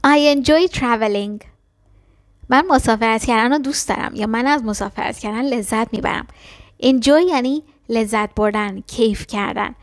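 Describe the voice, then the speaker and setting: A woman teaching a language lesson, explaining quickly and then repeating short phrases slowly and carefully. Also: a little high, dry recording, clean studio sound. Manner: switches between fast explanations and slow, careful repetitions. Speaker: English teacher.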